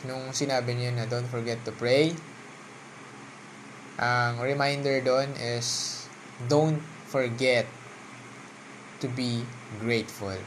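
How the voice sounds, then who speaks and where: A man at a mid-range pitch talks casually and encouragingly, often turning to the listener with little asides. He mixes Tagalog and English as he goes, alone in his room with a faint hiss of noise behind him. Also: steady tone, slow, pauses often. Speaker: vlogger. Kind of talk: casual motivational monologue.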